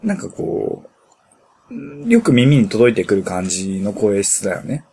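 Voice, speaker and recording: A man's voice: fairly low pitch, big pitch swings, a little slow, vocal fry, warm tone, husky. A man co-hosting a casual late-night chat, teasing his partner with probing questions and dry asides. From Japan, grew up in Shizuoka. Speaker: podcast co-host.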